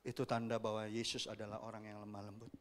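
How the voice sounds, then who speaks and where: A man preaching a sermon as pastor, lively and often asking the congregation questions. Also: on the low side, fast. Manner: animated, asks the congregation questions, acts out quoted voices.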